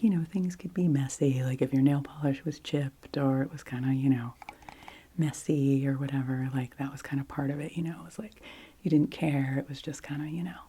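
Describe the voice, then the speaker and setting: A middle-aged woman with a notably low voice talks in a soft, unhurried whisper, drifting through easy chatty asides. She is close on a sensitive microphone. A steady hiss sits clearly under her voice. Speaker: ASMR creator. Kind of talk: whispered ASMR rambling.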